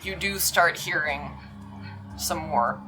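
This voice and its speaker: A man's voice: on the high side, takes it slowly, poor audio. A man improvising narration as the game master of a tabletop role-playing game. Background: soft music.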